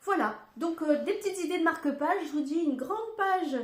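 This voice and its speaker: A woman's voice: very high voice, expressive, normal speed. Older woman chatting in an echoey room. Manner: chatty, rambling, with many fillers and asides. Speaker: craft podcast host. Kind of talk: casual chat. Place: home room.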